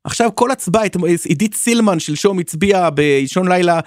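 A man speaking as a guest political commentator in a casual interview, animated and swinging between high emphatic bursts and low asides. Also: dry recording, clean studio sound.

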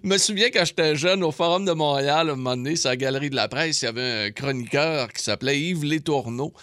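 A man's voice: fairly high pitch, quick pace, a bit bright, dry recording, studio quality. A man from Quebec City with a Québécois French accent hosting a casual morning radio chat. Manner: playful, laughing banter. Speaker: radio show host.

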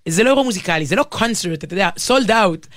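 A woman's voice: medium pitch, animated, no echo. Israeli woman chatting emphatically, close and dry. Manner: emphatic, breaks off and rephrases often. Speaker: talk show co-host. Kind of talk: casual animated conversation.

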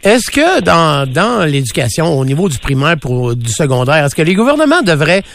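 A man with a Québécois French accent hosting a radio interview, asking questions in a halting way full of restarts. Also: on the high side, very animated, gravelly, a bit bright, no echo, clean studio sound. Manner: hesitant, many fillers and restarts. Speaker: radio host.

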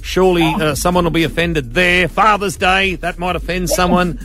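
A man's voice: sits high, fairly even intonation, moderate pace, background noise. A man with an Australian accent hosting casual talkback radio in a matey, blokey way. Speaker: radio host.

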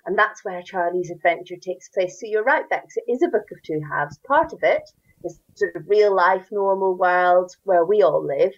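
With a fairly low voice and a moderate pace, a woman from Northern Ireland, who writes children's books, responds to interview questions enthusiastically. Her answers have a storytelling lilt and come with warmth and laughs, her accent clearly Northern Irish, over a muffled recording.

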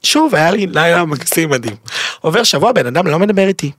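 A man as a podcast guest, telling a personal story in a lively, dramatic way, jumping between loud and hushed. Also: a little high, no room sound, clean studio sound.

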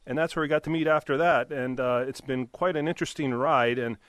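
A chatty man co-hosts a radio segment. His voice is of middle pitch, and he talks in a jovial, rambling manner. The sound is dry and close to the mic. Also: a little fast, dry recording. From Minnesota. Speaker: segment co-host. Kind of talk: casual radio talk.

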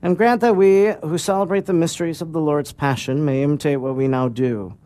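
Solemn priest reciting Mass prayers. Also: male voice, fairly high pitch, fairly even intonation, dark tone. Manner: solemn, measured, formal phrasing.

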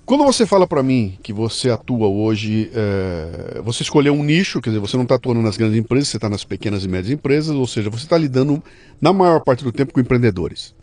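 A man's voice: medium pitch, fast talker. A man with a Brazilian accent hosting a podcast interview, chatting casually and acting out little quoted asides. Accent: Brazilian Portuguese. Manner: animated, quotes people in little acted asides. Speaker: podcast host.

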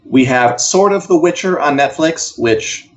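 A man co-hosting an entertainment news live show chats casually and wryly about TV and games, tossing in offhand asides and opinions. His voice is a little high, expressive, and unhurried.

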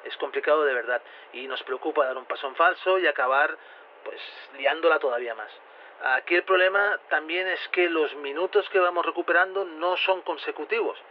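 An actor, lightly acted, voices a flustered, careful male researcher being interviewed on a radio programme in a spontaneous-sounding phone-in. His voice is a little high and fairly quick, and he answers hesitantly, repeating himself, earnest but flustered, over a dull, noisy radio link.

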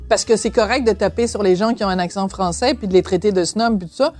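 A woman hosting a casual chat, asking probing questions in a lively way. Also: mid-range voice, quick pace, faint music behind. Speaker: talk show host.

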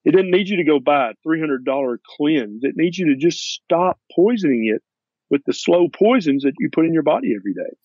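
A man's voice: on the high side, lively intonation, brisk, darkish tone, dry recording, lo-fi sound. Blunt man with a Tennessee accent. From Tennessee, USA. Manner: blunt, folksy, emphatic. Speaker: doctor and author, interview guest. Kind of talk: conversational interview.

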